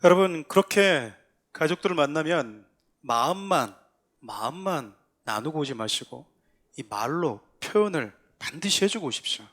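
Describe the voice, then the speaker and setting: A pastor giving a Sunday sermon, earnest and emphatic, mixing calm explanation with lively quoted voices. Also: male voice, a little high, normal speed. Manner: earnest, rising to emphatic exhortation with acted quotes. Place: church sanctuary.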